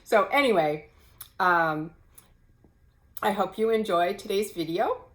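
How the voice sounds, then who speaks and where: A woman's voice: mid-range voice, animated, takes it slowly, rough recording. A woman chatting casually to camera at home in a crafting vlog, rambling with many fillers and self-corrections. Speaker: cross-stitch vlogger. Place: home, early morning.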